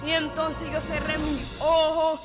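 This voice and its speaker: A woman's voice: high voice, completely flat delivery, measured pace. A woman giving an emotional religious testimony in church, repeating and calling her listeners dear brother. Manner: repetitive, keeps addressing listeners as dear brother. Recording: reverberant hall with faint music.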